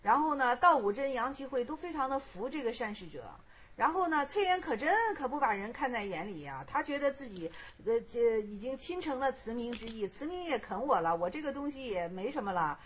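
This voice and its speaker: A woman with a high voice teaches by telling a Chan koan story. She speaks in a lively, chatty manner, full of fillers and asides. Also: fairly quick, a little hiss or hum. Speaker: Buddhist teacher.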